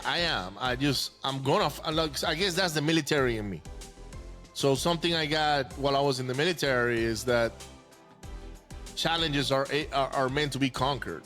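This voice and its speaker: A man in his forties who grew up in Venezuela talks casually as a podcast guest. His voice sits at an ordinary middle pitch. He often stops, repeats a word and starts again, with faint music behind him. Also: a bit bright. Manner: halting, many restarts and repeated words. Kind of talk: casual conversational storytelling.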